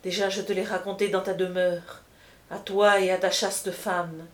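Female audiobook reader for an epic: low-leaning, measured, solemn; room echo audible. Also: little pitch movement. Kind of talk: scripted narration of an epic. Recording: roomy echo.

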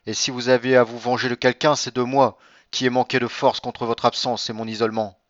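A man's voice: medium pitch, level tone, brisk, no room sound, lightly acted. A man reading an audiobook, voicing an anguished noble mother who pleads with emotion. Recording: dull lo-fi dry recording.

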